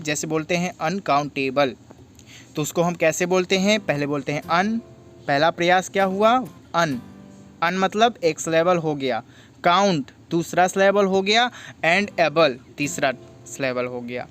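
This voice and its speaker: A man teaching a grammar lesson. He reads English definitions slowly, explains them in Hindi, and asks questions he then answers himself. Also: on the high side.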